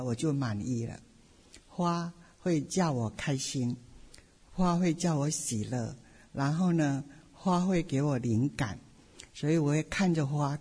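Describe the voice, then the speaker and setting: A middle-aged woman pastor shares her testimony from the pulpit with lively, animated storytelling and playful asides. Her voice is husky and a little breathy. The sound carries a long reverb, as if it were recorded in a large hall. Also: sits low. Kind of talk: personal testimony sermon.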